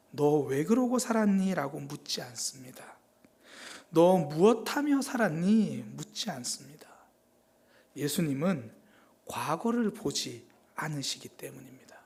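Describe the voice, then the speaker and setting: A man preaching a quiet, contemplative sermon with a pitch that rises and falls freely. He lowers his voice to a breathy whisper at key moments and draws out important words slowly. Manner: gentle, reflective preaching that often drops to a breathy near-whisper; slow, drawn-out emphasis on key words. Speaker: pastor.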